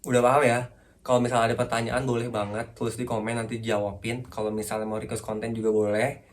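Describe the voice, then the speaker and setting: A young man with a casual manner giving a relaxed writing lesson, correcting himself and laughing often. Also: mid-range voice, fast talker, a little hiss or hum. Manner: chatty, self-correcting, laughs often, asks viewers questions. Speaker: writing tips host.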